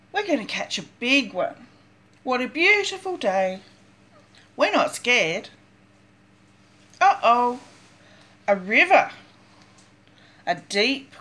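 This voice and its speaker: An older woman reading a picture book aloud for young children in a grandmotherly, deliberate sing-song way with dramatic emphasis. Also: a little high, a bit bright. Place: small cluttered room at home, indoors.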